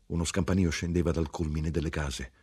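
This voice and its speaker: A man narrating a literary story in a measured, expressive reading voice. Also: rumbling low, breathy edge.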